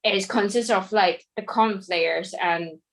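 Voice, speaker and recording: A woman's voice: medium pitch, slow, low-quality recording. A woman in an online study group patiently explaining a coding question over a video call, with casual fillers.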